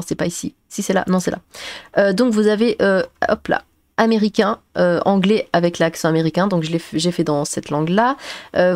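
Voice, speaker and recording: A woman's voice: lowish voice, a little mellow, no room sound. A woman chatting casually to her viewers, rambling with many fillers and hesitations, into a headset. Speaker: YouTuber.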